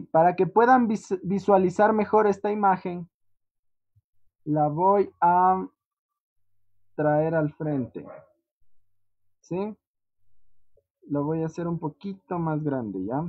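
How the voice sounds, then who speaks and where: A teacher patiently walking students through an online lesson, often checking in with a quick "¿sí?". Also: mid-range voice. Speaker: English teacher. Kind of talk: online class walkthrough. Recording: dull lo-fi online class audio.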